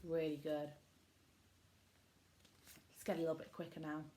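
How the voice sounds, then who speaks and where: A woman's voice: low voice, flat delivery, moderate pace, warm tone, a little hiss or hum. A woman teaching a children's phonics lesson, giving short prompts, modelling words syllable by syllable and praising often. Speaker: primary school teacher.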